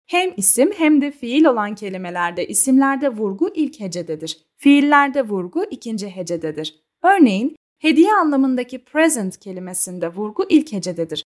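A woman presenting a scripted language lesson, speaking clearly and deliberately, repeating example words as a teacher. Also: a little high. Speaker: English teacher.

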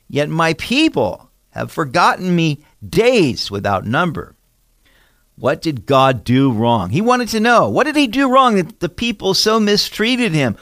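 Earnest male Bible teacher, lively pitch. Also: no room sound, studio quality. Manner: earnest, emphatic, rhetorical questions. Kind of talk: expository sermon reading and explaining scripture.

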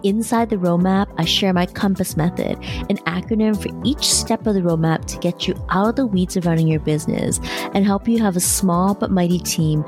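Woman, host, smooth even delivery, music behind. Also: on the low side, brisk. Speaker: podcast host. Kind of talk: scripted ad read and interview.

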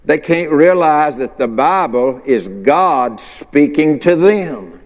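Preaching slowly and with animation, a male pastor poses rhetorical questions to his congregation and answers them himself, call-and-response style. His voice is fairly high-pitched, and the sound trails off in a long reverb tail.

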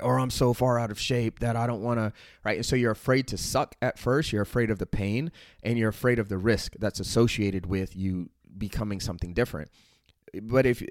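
Intense low-voiced motivational fitness man. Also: no echo, studio quality. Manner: intense, swears casually, many "like" and "right?" fillers. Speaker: fitness company owner. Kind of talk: motivational talk.

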